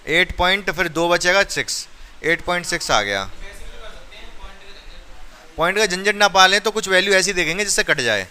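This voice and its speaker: A man's voice: high voice, sharp tone, smooth. A male maths teacher teaching a class step by step, counting aloud and urging his students. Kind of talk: classroom lesson.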